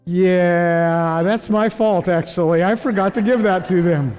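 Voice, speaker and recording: An older male pastor gives a casual sermon in a church, slightly out of breath. His voice sits high for a man, and he talks in a loose, self-deprecating way. Soft music plays faintly underneath. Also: a little slow. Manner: chatty, self-deprecating, laughs often. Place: church sanctuary.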